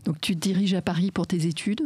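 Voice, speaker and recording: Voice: medium pitch, fairly even intonation, fast, darkish tone, slightly rough, no room sound. A podcast host interviewing a guest, encouraging and prone to restarts.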